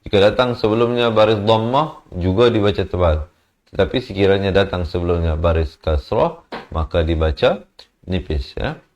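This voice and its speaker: A man with a Malaysian Malay accent teaching Quran recitation rules. He chants short phrases, then drops into quiet spoken explanation and patiently corrects mistakes syllable by syllable. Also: low voice, animated, moderate pace, dull audio.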